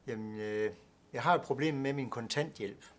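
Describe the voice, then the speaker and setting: An actor playing a blind man on welfare who speaks haltingly and stammers as he explains his problem. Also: mid-range voice, natural voice. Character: blind man on welfare, frustrated but polite. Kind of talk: student film acting.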